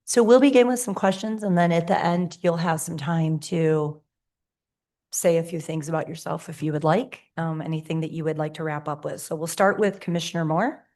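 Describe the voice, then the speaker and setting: A woman mayor with a raspy, hoarse voice, chairing a city commission meeting at a table microphone and adding quick asides between the formal steps. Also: deep voice, steady tone, a little mellow.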